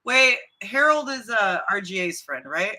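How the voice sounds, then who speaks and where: Bright-voiced giggly woman co-host. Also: medium pitch, animated, unhurried, poor audio. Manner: giggly, playful teasing. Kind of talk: casual livestream chat.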